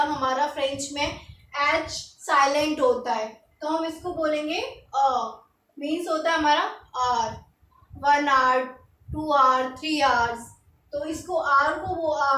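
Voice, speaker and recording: A woman teaching a language lesson, patiently repeating each word slowly. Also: sits high, sharp tone, a little hiss or hum. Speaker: French teacher. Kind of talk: explaining lesson. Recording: echoey room, mic far off.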